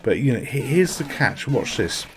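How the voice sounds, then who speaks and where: A man's voice: medium pitch, very animated, normal speed, a bit bright. A man hosting a retro gaming channel, chatting casually and swearing now and then, with a sore mouth. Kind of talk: casual gameplay commentary.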